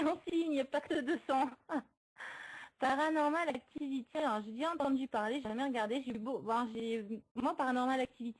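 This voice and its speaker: Hosting a relaxed movie chat stream, a woman talks with plenty of fillers and hesitation, laughing frequently and answering comments from viewers. Her voice is high-pitched and a little mellow, and the recording is low quality.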